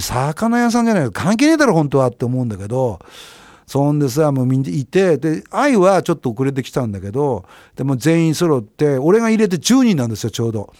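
A man's voice: mid-range voice, no room sound, clean studio sound. A middle-aged man, hosting a radio show and telling a story in a casual monologue, acting out the people he quotes. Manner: animated, quotes people with voice changes. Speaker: radio host.

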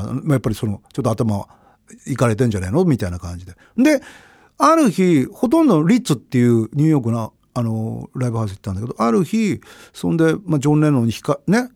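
Gravelly husky guy rambling through old stories, fast, voice jumping all over, dry close mic. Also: no echo. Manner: animated, jumps between loud bursts and low mumbles. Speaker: radio host. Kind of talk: casual storytelling monologue.

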